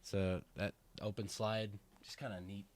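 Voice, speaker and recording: Easygoing young American podcast guest. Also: male voice, fairly low pitch, little pitch movement. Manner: easygoing, halting with fillers. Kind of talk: casual chat.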